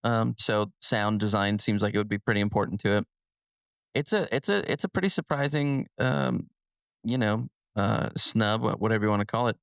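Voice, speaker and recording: A lower-voiced man co-hosting a casual film podcast. He is chatty and quick to laugh, restarting his sentences as he goes. His voice sounds dry and close to the mic. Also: creaky, fairly bright tone, clear, resonant tone, no room sound. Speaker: podcast co-host.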